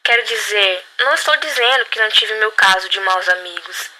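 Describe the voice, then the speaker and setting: Mulher de voz muito brilhante. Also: female voice, mid-range voice, brisk, bright, forceful tone, poor audio. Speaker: guest. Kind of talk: personal testimony in interview.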